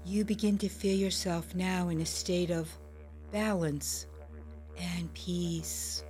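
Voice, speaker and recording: A woman guides a meditation very slowly and gently. Her voice sits a little low and soothing, and she leaves space between phrases. Soft music plays behind her. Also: steady tone. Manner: gentle, slow, soothing, unhurried delivery.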